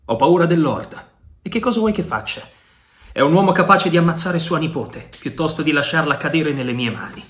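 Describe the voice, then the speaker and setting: A man voicing a fierce, passionate male pirate chief with a lower, heavier delivery, in a storybook reading. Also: expressive, fairly quick, a bit bright. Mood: intense.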